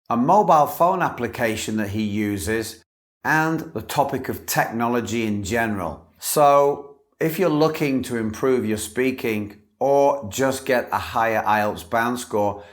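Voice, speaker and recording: A male English teacher, pitched in the middle range, stands in for an exam candidate and delivers scripted model answers with clear, careful speech.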